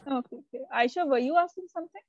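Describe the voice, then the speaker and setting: A woman's voice: high-pitched, fast talker, dull audio, slight background noise. A woman teacher, giving a live online lesson and explaining step by step while checking that her students follow. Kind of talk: live online class lecture.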